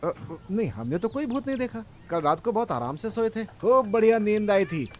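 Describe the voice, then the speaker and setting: A man's voice: high voice, sing-song, a little fast. An actor dubbing a timid young male college student into Hindi, with a whiny, comic way of talking.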